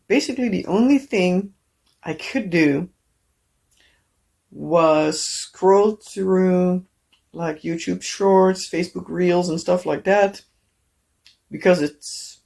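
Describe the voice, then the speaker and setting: Woman, hoarse from illness, gravelly fry, rambling casual craft-vlog chat, filler-heavy. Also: on the low side, slow pace, pauses often, darkish tone. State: hoarse from being sick. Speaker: crafting vlogger.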